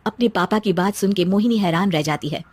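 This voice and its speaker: A woman's voice: medium pitch, fairly quick, darkish tone, husky, dry recording. A woman narrating a scripted story as its storyteller.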